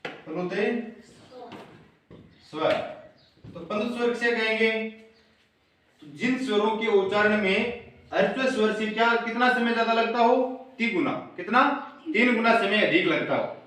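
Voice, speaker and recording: High bright-voiced teacher in an echoey room. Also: male voice, unhurried, pauses often. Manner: call-and-response questioning, repeats answers. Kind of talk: classroom Hindi grammar lesson. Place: classroom with students. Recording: very echoey room, voice far from mic.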